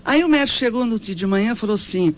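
A woman's voice: a little high, animated, fast talker. A woman in her seventies with a Brazilian accent, telling her life story in an interview in an earnest, devout way, often ending with tag questions. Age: 70s.

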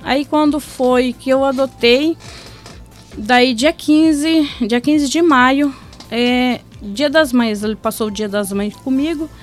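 Woman, middle-aged, heartfelt storytelling, slightly high voice, faint background music. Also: slow pace. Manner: heartfelt, drops soft and low then lifts bright. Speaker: interviewee. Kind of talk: emotional personal storytelling.

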